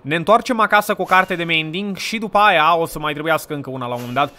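A man hosting a casual let's-play, playful and mock-villainous, breaking into excited outbursts. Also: a little high. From Romania. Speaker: gaming channel host.

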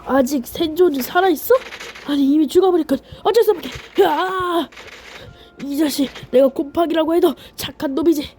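A woman playing a game on camera, yelling and cursing while acting out lines for the characters in her match. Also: high voice, moderate pace, soft background music. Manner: shouty, swears, switches between playful role-play and yelling. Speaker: gaming YouTuber. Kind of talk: excited gameplay commentary with role-play voices.

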